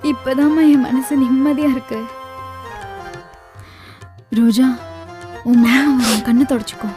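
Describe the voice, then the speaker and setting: A woman's voice: high voice, fairly even intonation, a little slow, warm tone, faint music behind. An actress playing a tender, anxious middle-aged mother who speaks in a pleading, emotional way, in film dialogue.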